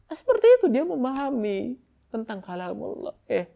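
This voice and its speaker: A middle-aged male preacher with a gravelly edge to his voice. He preaches with a lively, animated delivery to the congregation. Now and then he breaks into high, excited voices to act out the people he describes. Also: normal speed. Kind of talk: sermon.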